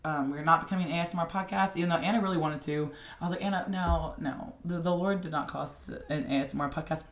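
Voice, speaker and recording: A woman's voice: deep voice, fast, few pauses. A woman, co-hosting a podcast with playful, teasing banter. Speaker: podcast co-host. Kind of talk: casual chat. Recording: roomy echo.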